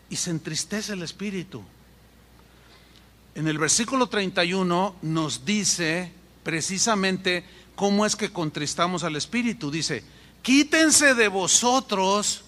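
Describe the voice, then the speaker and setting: A Mexican man preaches a sermon, emphatic and fond of pausing and repeating words. His voice sits high and bright. Long hall reverb trails after every phrase. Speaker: pastor.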